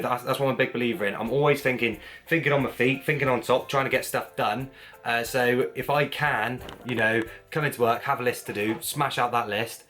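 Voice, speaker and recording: A man's voice: medium pitch, fairly bright tone. A man with a Wiltshire English accent, chatting casually to viewers in a rambling, informal, blokey way as a vlogger. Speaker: vlogger, gym owner.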